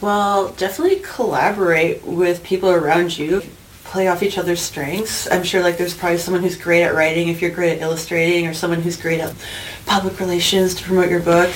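Upbeat woman guest, slightly low voice. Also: steady tone, a little fast, a little hiss or hum, rough recording. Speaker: guest illustrator. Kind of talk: casual interview answers.

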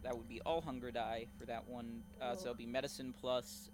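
A man narrates a tabletop game as its game master, describing scenes calmly. His voice sits in a middle register. A faint noise runs under his voice. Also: mid-range voice, a little fast.

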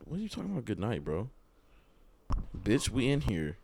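A young man in casual conversation, talking in slangy, excitable frat-bro banter. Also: on the low side, moderate pace, vocal fry, slight background noise. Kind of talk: casual chat.

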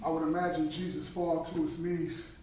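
A man giving an animated sermon at a Bible study, swinging between shouts and quiet passages. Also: on the high side, normal speed. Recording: echoey hall, distant, faint noise.

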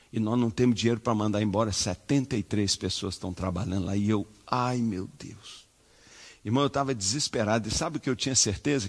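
A preacher with a mid-range male voice, telling his story with theatrical swings from quiet confession to loud, fervent pleading. His sermon rings out through a church hall with a long, lingering reverb. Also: mid-range voice, vocal fry, slightly rough. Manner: dramatic storytelling, swinging from hushed to loud impassioned. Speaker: pastor.

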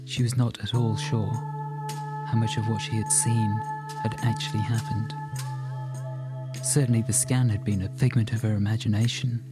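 A man narrating an audiobook in a calm, even storytelling manner. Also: fairly low pitch, moderate pace, pauses often, over loud music. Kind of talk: scripted narration.

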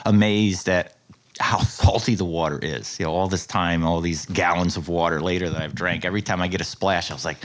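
A man's voice: low-pitched, steady tone, a little fast. Middle-aged man, New York-Long Island blended accent. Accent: Western New York blended with Long Island. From rural western New York, USA. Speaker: interview guest, marine scientist. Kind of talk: casual conversational storytelling.

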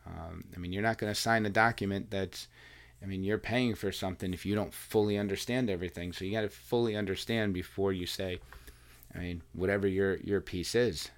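A man with a low, steady voice talks a little fast as he hosts a podcast alongside his wife. He's a podcast host and coach, and the casual chat is earnest and rambling, full of restarts. They're in a home recording room, with the microphone plugged into recording software.

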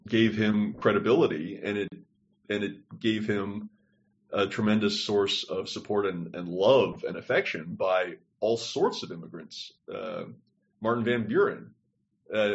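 With a lo-fi sound, a podcast co-host with a voice on the low side joins a casual discussion over a remote call. He talks in a digressive, think-aloud way.

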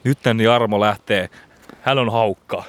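A man's voice: fairly low pitch, no room sound. A man giving playful, theatrical mock sports commentary as a radio host at an outdoor basketball court, recorded on a portable recorder. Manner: theatrical, bursts into excited shouts.

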